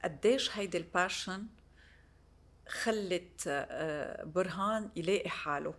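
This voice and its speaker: A woman's voice: fairly low pitch, unhurried, fairly bright tone. A woman with a Lebanese Arabic accent, interviewing in a conversational style with foreign loanwords mixed in.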